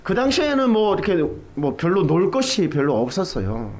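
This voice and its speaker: A man's voice: high-pitched, normal speed. A middle-aged man from Korea preaching a sermon, telling a childhood story and acting out the voices in it. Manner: animated storytelling, acts out quoted voices. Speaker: pastor.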